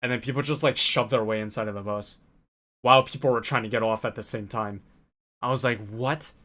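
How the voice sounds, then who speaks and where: A man's voice: mid-range voice, fairly even intonation, fast talker, fairly bright tone. Chatty man telling a travel story. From North America. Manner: chatty, full of fillers and acted-out quotes. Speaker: vlogger. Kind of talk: casual storytelling to camera.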